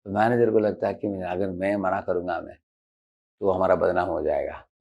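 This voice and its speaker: A man's voice: deep voice, fairly even intonation, moderate pace, lo-fi sound. A man giving a conversational devotional lecture, explaining slides and dropping English terms into his talk. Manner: conversational, mixes English terms into Hindi, frequent "haan" fillers; explains slides and acts out short quoted examples. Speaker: spiritual teacher giving a lecture. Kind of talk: devotional lecture on assertive speech.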